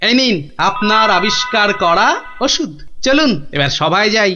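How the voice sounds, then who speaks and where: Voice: mid-range voice, lively intonation, normal speed, loud music behind the voice, natural voice. A voice actor playing a clever, mischievous court jester in a cartoon, breezy and knowing. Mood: playful. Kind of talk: cartoon voice acting.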